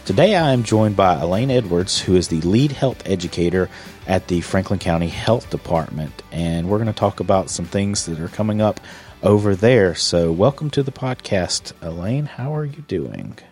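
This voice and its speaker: A man's voice: low voice, animated, moderate pace, a little mellow, faint music behind. A man from South Carolina hosting a county podcast interview, easygoing and teasing, often restarting his sentences. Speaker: podcast host. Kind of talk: casual interview chat.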